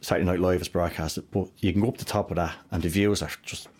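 Middle-aged Irish man, deep-voiced podcast guest, quick and animated with lots of false starts. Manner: animated storyteller, many restarts. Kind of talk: casual interview chat.

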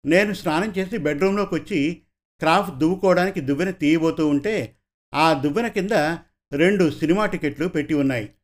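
Male reader plays a gentle older father in an audio story, tender and reminiscing. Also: a little high, brisk, natural voice. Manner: warm, storytelling to his daughter. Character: aging father, gentle, reflective, affectionate.

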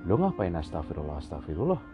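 Man putting on a hulking stone spirit guardian, deep and growly, unbothered, told over lo-fi audio with music. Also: huge pitch swings, quick pace. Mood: calm, casual. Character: huge grey stone-like male spirit guardian, calm and blunt.

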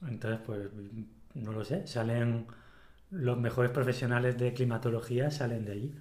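A man's voice: medium pitch, normal speed, darkish tone. A man from Spain, hosting a casual podcast chat and explaining things at length, often restarting his phrases. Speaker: podcast host. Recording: echoey room.

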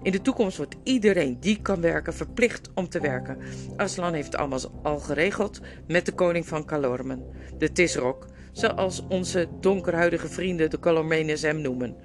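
A woman's voice: low-pitched, normal speed, music in the background. A woman reading a storybook, voicing a scheming, domineering male ape who snaps and sneers. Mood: bossy. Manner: sneering, snapping orders.

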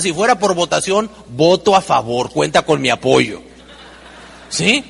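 A man speaks in a high, gravelly voice with a bright, forceful edge. He gives an animated motivational seminar, acting out dialogues with humor. The sound carries a long reverb from a hall. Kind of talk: live seminar talk.

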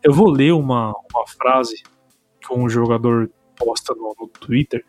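A man's voice: medium pitch, steady tone, a little slow, no room sound, soft background music. A man with a Brazilian accent hosting a casual podcast chat, talking in a loose, slangy way. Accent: Brazilian Portuguese. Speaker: podcast host.

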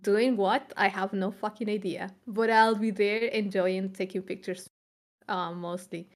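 A woman's voice: mid-range voice, fairly even intonation, measured pace. A young woman from Chile co-hosting a podcast, talking casually and reflectively, with frequent fillers and restarts. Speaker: podcast co-host.

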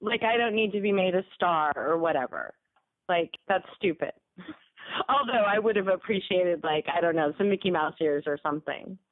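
A woman's voice: fairly low pitch, expressive, moderate pace. A woman talking over a phone line on speakerphone, chatty and giggly, with lots of "like" fillers, as a guest in a casual phone interview.

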